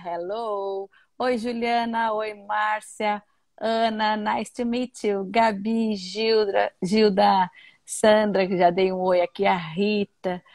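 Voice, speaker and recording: A woman's voice: mid-range voice, no room sound. Chatty Brazilian woman teaching English live. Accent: Brazilian Portuguese. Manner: chatty, greets viewers by name, mixes English words into Portuguese. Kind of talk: casual live online lesson.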